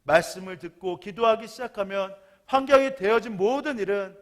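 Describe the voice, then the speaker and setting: Pastor preaching sunday sermon in church, higher-pitched guy, chatty storytelling way. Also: moderate pace. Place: church sanctuary.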